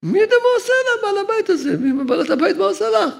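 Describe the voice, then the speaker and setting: A man voicing a middle-aged housewife who indignantly scolds and hushes her maid. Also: very high-pitched, big pitch swings, creaky, pitched above the performer's own voice, exaggerated voice. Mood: scolding.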